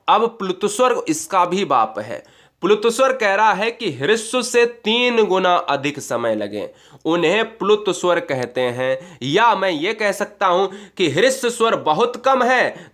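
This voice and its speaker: A man with a high, fairly bright voice teaches an exam-prep grammar lesson, asking and answering his own questions and drawing out sounds to demonstrate them.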